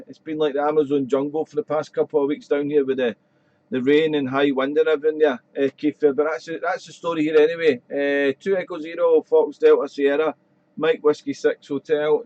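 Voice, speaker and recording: On a live stream, a male amateur radio operator chats casually and repeats call signs in a fairly high, somewhat dark voice. The streamed audio sounds dull and roomy.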